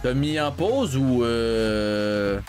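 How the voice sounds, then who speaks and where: A let's play streamer with a Québécois French accent chats casually while gaming, telling a rambling story full of filler and restarts. His medium-pitched voice is expressive and darkish, and he speaks extremely slowly. Faint music plays behind him.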